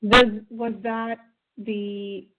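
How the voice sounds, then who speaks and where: A woman conducting a casual phone interview, rambling through halting questions on a narrow phone line. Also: fairly high pitch, flat delivery.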